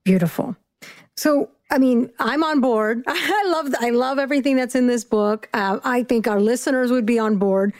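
A woman's voice: a little high, moderate pace, a little mellow. A woman hosting an interview in a casual, agreeing way, restarting her phrases as she thinks aloud. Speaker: podcast host, interviewer.

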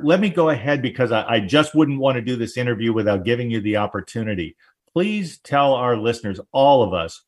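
A man hosting a podcast interview, speaking in measured, polished phrases. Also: medium pitch. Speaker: podcast host. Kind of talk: interview host chat.

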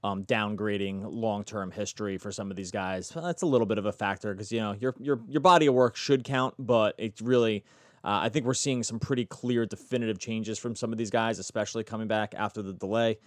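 A podcast host with a lowish voice and fairly even intonation talks briskly about sports betting, chatting casually, correcting himself as he goes, and asking his guest questions. The recording is studio quality with no echo.

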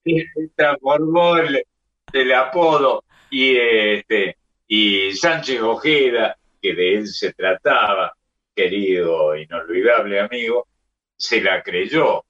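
A man, a radio host chatting casually and reminiscing in an unhurried way. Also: on the low side, a bit bright. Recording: dull sound, distant mic.

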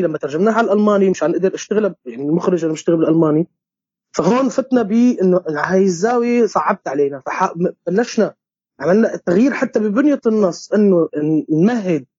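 A playwright and theatre director from Homs, speaking with a Syrian Arabic accent, answering questions in a halting way with many restarts and English words mixed in. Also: male voice, high voice, mellow, breathy edge, dry recording. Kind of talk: conversational interview answer. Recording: dull lo-fi sound.

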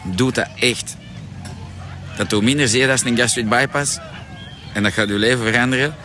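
A man's voice: medium pitch, moderate pace, pushed and bright, slight background noise. A middle-aged Flemish man coaching a viewer on a live stream, pushy and insistent, with lots of repeated fillers. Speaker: coach and shop owner. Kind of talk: live-stream sales pitch answering a viewer.

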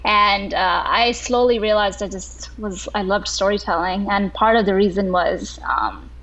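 A woman's voice: medium pitch, steady tone, unhurried, fairly bright tone. A woman from Kuwait, a filmmaker on a panel, answering reflectively with frequent restarts. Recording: slightly dull lo-fi audio.

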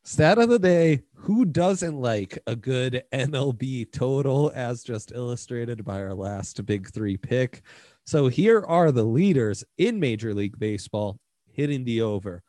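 A man's voice: mid-range voice, animated, measured pace, mellow, dry recording, studio quality. A man co-hosting a sports betting show, giving casual commentary and running through the numbers.

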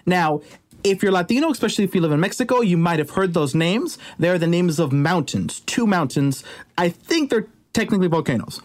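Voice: medium pitch, animated, fairly quick. A podcast host retelling an old legend in a casual, conversational way, with joking asides to the listener. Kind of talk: casual storytelling.

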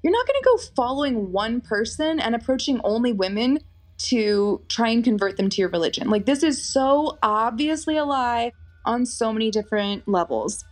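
A woman's voice: fairly high pitch, moderate pace. A woman narrating a first-person true story in a conversational way, full of fillers and asides. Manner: conversational, animated, many fillers. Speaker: podcast narrator.

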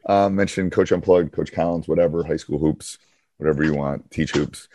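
A man's voice: very deep voice, normal speed, dark tone. A man hosting a basketball podcast, rambling casually with lots of fillers and restarts. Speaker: podcast host, basketball coach.

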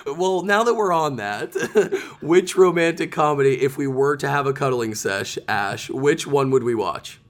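A man's voice: mid-range voice, measured pace, few pauses. A man hosts a casual podcast, easygoing and talkative. His questions ramble, circling back on themselves with repeated words and restarts before he lands the point. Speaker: podcast host.

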